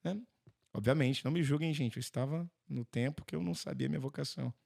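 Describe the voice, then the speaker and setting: Brazilian priest telling animated stories. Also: male voice, medium pitch, fast, creaky. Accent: Brazilian Portuguese. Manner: animated, acts out dialogue in quoted voices. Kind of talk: conversational storytelling in an interview.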